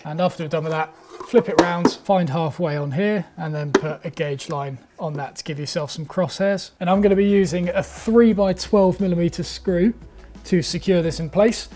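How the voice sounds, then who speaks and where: A man's voice: a little high, warm tone. A young man, teaching woodworking in a workshop, chatty and upbeat as he explains each step. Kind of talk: instructional talk.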